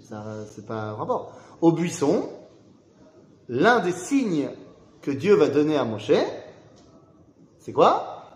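A man's voice: fairly high pitch, big pitch swings, slow, pauses often, echoey room. A man teaching an interactive Torah class, putting questions to the group and acting out the people he quotes.

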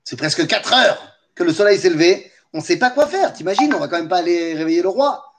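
A man with a high voice gives a lesson as lively storytelling. He is animated, breaks in with humorous asides and talks straight to his listeners. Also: a little fast. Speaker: teacher of Torah.

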